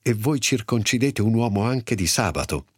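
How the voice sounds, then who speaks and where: A man reading the words of Jesus as a calm, authoritative teacher, in a measured, solemn way. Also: fairly low pitch, husky, no echo, clean studio sound, pitched above the performer's own voice.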